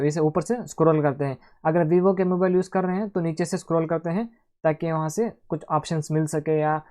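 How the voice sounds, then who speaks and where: A man hosts a casual computer tutorial, talking his viewers through each keyboard shortcut step by step. His voice is mellow and warm. He addresses the audience as friends and narrates every click as he goes. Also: a little high. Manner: chatty, keeps calling viewers "friends", walks through steps aloud. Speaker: tech tutorial host. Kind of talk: casual screen-recorded tutorial.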